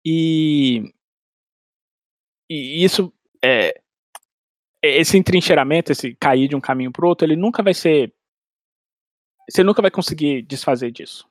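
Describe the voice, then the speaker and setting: A man's voice: fairly high pitch, measured pace, long pauses, no echo, studio quality. A man, explaining language learning in casual chat with everyday analogies and frequent restarts. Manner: explains with everyday analogies and acted-out inner dialogue. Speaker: language expert guest.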